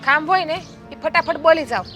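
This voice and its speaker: A woman's voice: high-pitched, brisk, music in the background, lightly acted. Woman playing a scolding village sister-in-law. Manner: scolding, blunt and quarrelsome. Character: strict sharp-tongued village woman, elder sister-in-law. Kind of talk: family drama acting.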